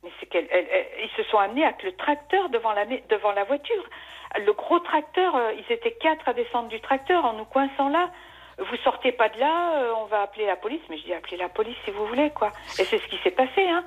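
A woman's voice: fairly high pitch, lively intonation, fast, breathy edge. A woman calling in to a live radio show, telling a long personal story with many restarts. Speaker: caller. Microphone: telephone. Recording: dull phone line.

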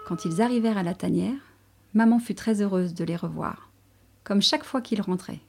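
A woman reading a children's story aloud in a gentle, expressive way. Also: medium pitch, normal speed, gravelly, a little hiss or hum. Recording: soft music underneath.

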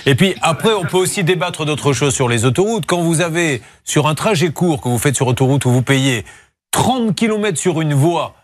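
A man hosting a radio call-in show in a lively, bantering way, teasing and often interjecting. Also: fairly high pitch, normal speed.

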